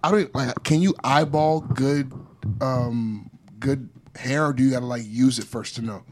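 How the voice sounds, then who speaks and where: A man's voice: medium pitch, unhurried, a little hiss or hum. A man hosting a casual chat, teasing and swearing freely. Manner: profane, teasing. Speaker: talk show host.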